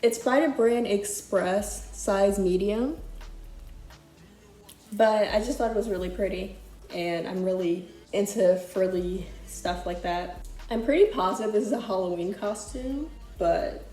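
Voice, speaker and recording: Talking through her thrift finds, this young vlogger speaks at a measured pace in a warm, mid-range voice, rambling and restarting with plenty of fillers. Faint music plays in the echoey room where she records.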